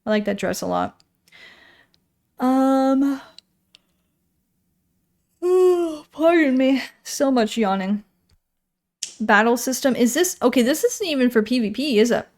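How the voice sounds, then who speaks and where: A woman streamer reads game patch notes in a casual chat, wandering off track and correcting herself as she thinks aloud. She speaks at a moderate pace, her voice on the high side.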